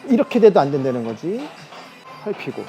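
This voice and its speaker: A man's voice: on the high side, very animated, fairly quick, mellow, faint music behind. A man working as a fitness coach, explaining gym machines in a casual, chatty way while demonstrating.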